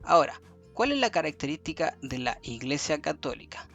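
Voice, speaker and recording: A man teaching a review lesson to schoolchildren, repeating key words slowly for emphasis. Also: fairly high pitch, sing-song, fairly bright tone. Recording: faint music behind.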